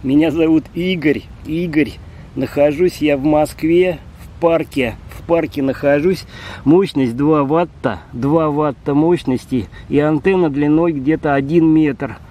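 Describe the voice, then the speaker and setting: Outdoors in a city park, a man in his fifties who is an amateur radio operator and vlogger makes a friendly, casual radio contact, spelling call signs with phonetic words. His tone is dark and his pace measured, with a faint rumble in the outdoor recording.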